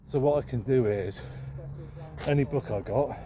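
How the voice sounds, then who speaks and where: Recording a vlog while walking down a town street, this man, a second-hand bookseller, muses hesitantly and without a script, rambling as he thinks aloud. He has a warm, mid-range voice at normal speed, with street sounds and vehicles going by in the background.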